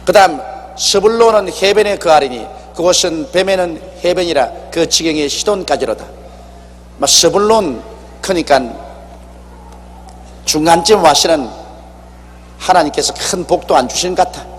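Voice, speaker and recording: A male pastor preaches in an animated, exhorting way and often acts out bits of dialogue. His voice sits high for a man. It is recorded in a church sanctuary with a long reverb and a faint hum underneath. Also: normal speed, long pauses. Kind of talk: sermon. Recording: echoey hall with faint hum.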